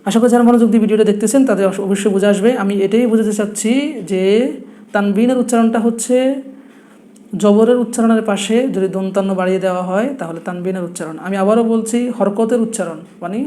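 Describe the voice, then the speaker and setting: A man's voice: high voice, steady tone, fast, mellow. A young man with a Noakhali Bengali accent, teaching a blackboard lesson and patiently repeating each point with rhetorical questions. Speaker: Quran teacher.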